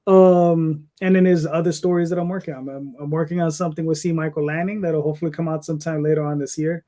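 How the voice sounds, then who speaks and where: Being interviewed as a comic creator, a man in his fifties speaks quickly and casually in a fairly high, warm voice with fairly even intonation. His thoughts ramble out loosely and conversationally.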